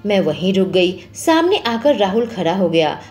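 A woman tells a first-person story in a lively, swooping voice, her pitch rising and falling with the drama. Her voice sits in a middle register, and soft music plays faintly underneath. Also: normal speed. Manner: expressive, voices quoted lines with lifted pitch.

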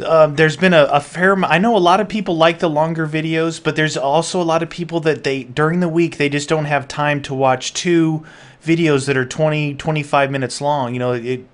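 A man explains channel plans in easy, hesitant casual chat. His voice is fairly high, and he leans on fillers and restarts as he goes. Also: a little fast. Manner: relaxed, hesitant, filler-heavy. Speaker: channel co-host.

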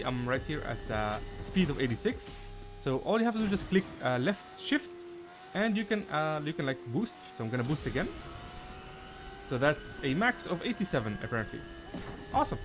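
A man's voice: a little high, background noise. A young man giving a casual, filler-heavy walkthrough of a video game, talking to his viewers. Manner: chatty, lots of fillers, addresses viewers as guys. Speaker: gaming guide creator.

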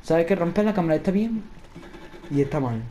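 A man's voice: on the high side, lively intonation, fairly quick, warm tone, a little hiss or hum. A man with a Spain Spanish accent chatting casually and exclaiming while he comments on a video game. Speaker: gameplay commentator. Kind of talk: casual chat over gameplay.

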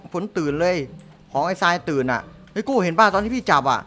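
A young man narrates his game with a bright, forceful voice that leaps around in pitch. He talks excitably, laughs often and drops crude slang. Light music plays underneath. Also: fast. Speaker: gaming YouTuber host. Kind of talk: casual gameplay chat. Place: home room, rain outside.

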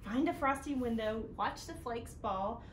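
A library storytime host reads to young children from a couch in her living room, in an animated, sing-song voice aimed right at them. Her voice is a little high and her pace measured. Filmed by a camera a few feet away, the audio sounds roomy and homey with noticeable background noise.

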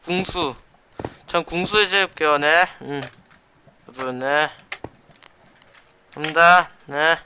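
A young man hosting a gaming channel, explaining a block-building PvP match in chatty commentary, adding "yes" after nearly every phrase and shouting during fights. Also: fairly high pitch, slow pace, long pauses, a little hiss or hum.

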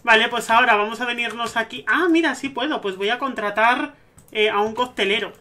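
A man with a Spain Spanish accent giving gushing, excitable let's-play commentary over a life-sim game. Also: extremely high pitch, fairly quick. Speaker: gaming streamer.

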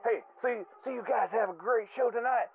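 A man leaving a voicemail over a landline phone, rambling excitedly in a play-by-play with exclamations and stammered restarts. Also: extremely high pitch, brisk, over loud music. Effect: heard over a landline phone as a played voicemail. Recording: tinny phone line with faint hiss.

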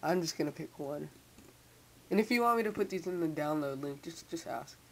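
Halting teen with braces, hissy mic. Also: medium pitch, expressive. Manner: slightly impeded speech from a sore mouth with newly tightened braces; halting, repeats words. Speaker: software tutorial maker. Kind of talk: casual unscripted screen tutorial. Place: indoors at a computer. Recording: hissy, noisy home microphone.

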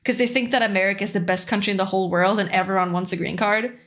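A woman's voice: mid-range voice, steady tone, very fast, fairly bright tone. Woman from Europe, podcast host, casual chat, laughs a lot, acts out quotes. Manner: laughing, chatty, quotes people in mock voices.

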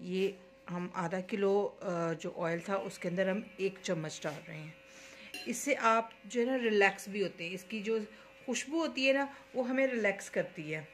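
At her kitchen stove, a salon owner chats through a hair oil recipe one step at a time, tutorial-style, with small fillers as she goes. Her voice is mid-range, with a little hiss or hum on the recording.

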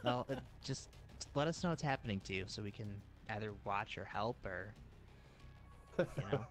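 A man's voice: on the low side, lively intonation, moderate pace, soft background music. Tired, nasal-voiced man hosting a let's play. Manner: laid-back, rambling with fillers. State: tired after a long day. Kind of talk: casual gaming chat.

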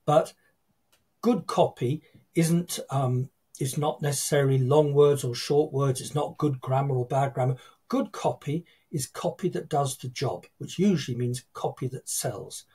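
An older man, a guest copywriter telling lively stories on a video call from his home office. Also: medium pitch, measured pace, breathy edge. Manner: lively storytelling, acts out quoted people. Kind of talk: casual interview chat. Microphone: video call webcam.

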